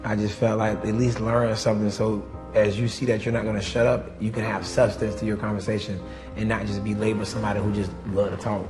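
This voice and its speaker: A man with a low, even voice speaks plainly and matter-of-factly. Music plays clearly underneath him. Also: fast. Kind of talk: casual interview talk.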